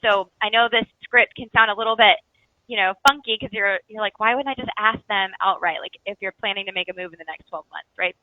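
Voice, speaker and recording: A woman's voice: medium pitch, a little fast, dry recording. A woman teaching real estate prospecting scripts in a chatty coaching manner, often checking in with "right?" and acting out what homeowners might say. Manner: acts out homeowner replies in livelier voice. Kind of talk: recorded training lesson. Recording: dry, phone-like narrow sound.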